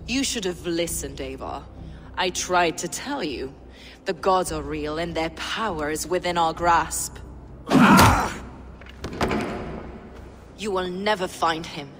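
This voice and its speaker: A woman's voice: on the low side, unhurried, big-room sound, background noise, lightly acted. An actress playing a mocking, sinister zealot woman in a video game, speaking with theatrical, mock-polite menace. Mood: cold menace. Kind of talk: video game dramatic acting.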